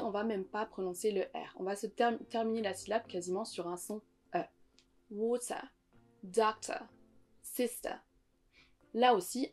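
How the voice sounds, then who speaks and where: A woman English teacher giving an online lesson, explaining patiently and reassuringly, and pausing now and then to demonstrate words. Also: medium pitch, darkish tone.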